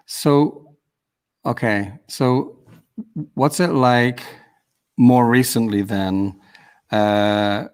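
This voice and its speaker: A man's voice: mid-range voice, extremely slow, pauses often, clean tone. A man from the UK hosting a casual interview over a video call, chatty and rambling with some teasing. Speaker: host.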